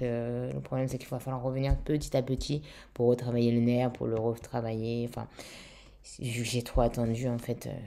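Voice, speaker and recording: A young woman talks casually to her viewers in a very low, dark, mellow voice. She chats loosely, swears now and then and fills gaps with lots of "euh". Her throat is still a touch weak. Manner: chatty, swears casually, many fillers. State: throat slightly weak after intubation. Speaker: vlogger. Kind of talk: casual vlog chat.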